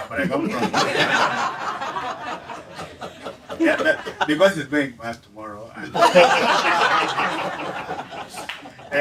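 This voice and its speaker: A man's voice: mid-range voice, recorded from a distance, very noisy. A man from Uganda, asking an impassioned question from the floor of a forum. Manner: impassioned, rises and falls in force, laughs between points. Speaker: audience member asking a question.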